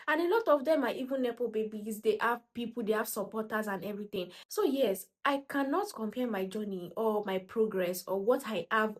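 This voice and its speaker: A woman gives casual, motivational finance talk to camera. She speaks emphatically and repeats her points. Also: mid-range voice. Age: 20s. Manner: emphatic, repeats points, acts out quoted voices. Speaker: personal finance vlogger.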